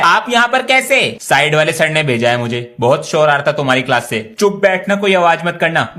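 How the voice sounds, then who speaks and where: A man's voice: high voice, pushed and bright. A young man acting out comic skits, switching between a playful child voice and scolding elders.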